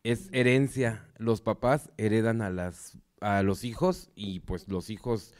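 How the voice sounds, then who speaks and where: A man's voice: lowish voice, steady tone, measured pace, a little mellow. A man from Mexico with a Mexican accent, speaking as a wrestler answering interview questions in short segments. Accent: Mexican Spanish.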